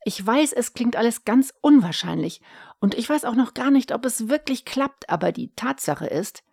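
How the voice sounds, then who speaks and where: A sly, sheepish middle-aged husband, voiced by a woman narrator, talking in a hasty, coaxing way. The delivery sits a touch higher and louder than her plain narration. The recording is close and dry. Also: expressive, moderate pace, vocal fry, husky, no room sound, exaggerated voice. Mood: wheedling.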